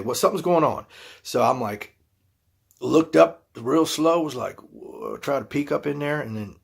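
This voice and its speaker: A man's voice: medium pitch, creaky, slightly rough. A man telling a personal story to camera in a folksy, rambling way, acting out his own reactions. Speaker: YouTube channel host.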